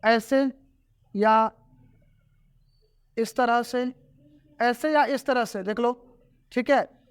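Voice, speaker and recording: A male teacher with a very high voice who speaks slowly and deliberately. He walks through each example step by step and keeps checking that the class is following. The sound is dry and close, with almost no room echo. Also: steady tone, clear, resonant tone. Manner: repeats examples word by word, often checks for understanding. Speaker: English teacher. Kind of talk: spoken grammar lesson.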